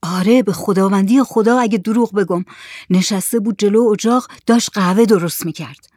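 A man's voice: sits high, a little mellow, no room sound, studio quality. A reader voicing a frightened, pleading village man. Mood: fearful. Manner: trembling, pleading speech.

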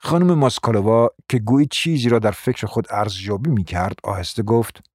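A low-voiced male narrator telling a radio drama in a measured, formal way. His voice sits close and dry, with no room sound. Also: darkish tone, breathy edge, no echo.

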